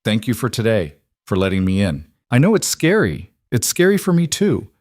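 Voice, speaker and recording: A man voicing a warm, hopeful young woman who works nights, speaking tenderly and a little shyly. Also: lowish voice, sing-song, normal speed, dry recording, studio quality.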